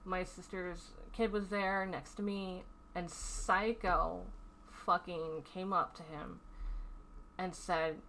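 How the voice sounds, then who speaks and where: Speaking slowly and flatly in a lowish, pushed and bright voice, a woman shares a painful personal story on her vlog, with a little hiss or hum in the recording. She sounds stressed and upset, and her candid telling is full of heavy swearing, frequent sighs and rambling fillers.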